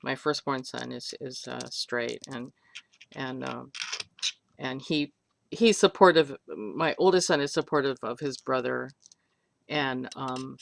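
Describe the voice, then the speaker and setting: An older woman talks through a clay craft at her table, taking her time with an unhurried, drawn-out pace. Her voice has a gravelly fry to it, and she rambles and cracks jokes at her own expense as she works. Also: rumbling low, slight background noise. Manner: rambling, joking, self-deprecating. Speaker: polymer clay artist teaching. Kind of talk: chatty craft tutorial. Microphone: webcam.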